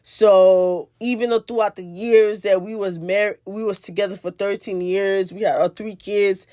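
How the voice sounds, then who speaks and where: Woman host, earnest storytelling testimony, dry close sound, mid-pitched. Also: steady tone, unhurried, dark tone, no room sound. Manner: earnest, conversational, repeats phrases for emphasis. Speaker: spiritual video host.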